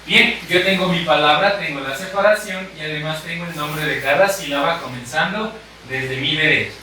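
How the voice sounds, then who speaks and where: A man teaching a grammar lesson at a board, speaking slowly and deliberately and repeating the key points. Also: fairly high pitch, bright, forceful tone, slight background noise. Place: room with a board. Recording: echoey room, mic far off.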